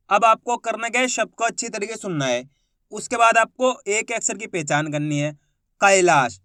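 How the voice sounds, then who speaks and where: Male teacher, bright and crisp, dry close-mic sound, patient drawn-out sounding-out of syllables. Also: very high-pitched, no room sound. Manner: drawn-out syllables, repeated rhetorical questions to the viewer. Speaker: Hindi reading teacher. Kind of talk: slow classroom-style lesson, syllable by syllable.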